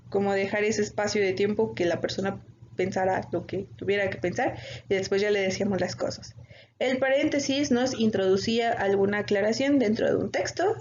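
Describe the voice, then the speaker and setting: A woman's voice: fairly high pitch, a little mellow. Mexican woman teaching with many fillers. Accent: Mexican Spanish. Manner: explanatory, frequent "eh" fillers and self-corrections. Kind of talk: online exam-prep lesson. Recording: dull lo-fi audio with faint noise.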